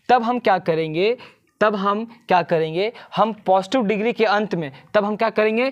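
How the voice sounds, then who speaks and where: In this grammar lesson, the mid-range-voiced teacher poses short questions and answers them, going over key points again. English phrases get spelled out slowly.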